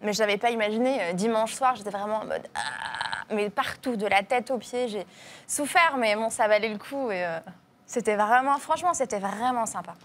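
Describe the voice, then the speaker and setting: A woman's voice: fairly high pitch, brisk, fairly bright tone. A woman, a singer appearing as a guest on a TV show, chatting cheerfully. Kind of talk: TV guest chat.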